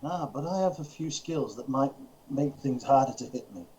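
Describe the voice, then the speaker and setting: A man's voice: mid-range voice, lively intonation, normal speed, mellow, slight background noise. A man playing a tabletop game, thinking aloud as he decides his moves. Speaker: player. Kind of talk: casual tabletop game chat. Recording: dull lo-fi stream audio.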